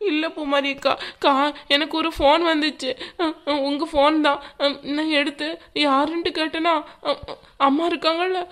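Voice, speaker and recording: A woman's voice: high voice, flat delivery, moderate pace, fairly bright tone. A woman voicing a stammering anxious young woman. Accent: Kanyakumari Tamil. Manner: hesitant, stammering.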